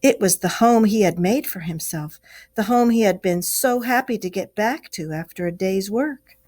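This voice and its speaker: A woman teacher with a medium-pitched voice reads children a classic animal tale, speaking slowly and expressively as a storyteller would.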